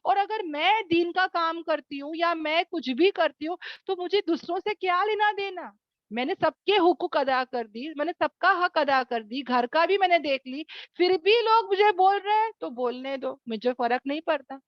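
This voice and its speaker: High-voiced woman teaching a Quran class. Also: moderate pace, no room sound, dull audio. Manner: animated, addresses listeners as sisters; acts out quoted remarks and asks rhetorical checks. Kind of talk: Quran study lesson in Hindi-Urdu. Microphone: online meeting recording.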